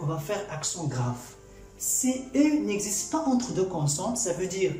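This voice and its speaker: Patient Moroccan-accented teacher, dark and mellow tone, repeats points, heard from a distance. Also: medium pitch. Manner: patient, repetitive, asks and answers own questions. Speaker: French teacher. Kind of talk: explaining a grammar lesson. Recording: very echoey room, distant mic, faint music.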